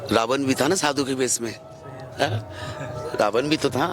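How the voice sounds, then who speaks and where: Blunt low-voiced tantric speaker, faint music. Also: unhurried. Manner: blunt, repetitive, plain-spoken; talks in short assertive statements, often says "ji ji". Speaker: tantric interviewee. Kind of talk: casual spoken answers.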